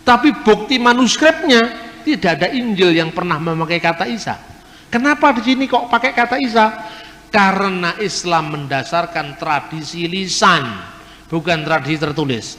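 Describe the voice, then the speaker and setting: A man giving a teaching lecture, explaining points in a lively way. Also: high voice, normal speed, big-room sound. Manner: lively, explanatory, imitates regional pronunciations. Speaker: religious speaker.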